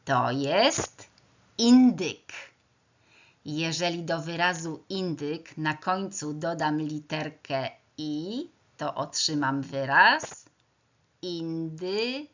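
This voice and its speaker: A woman teaching young children to read speaks very slowly and sounds out each word letter by letter. Her voice is bright and a little low, and the recording is dull and lo-fi. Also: animated. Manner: slow, sounding out words letter by letter. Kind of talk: first-grade reading lesson.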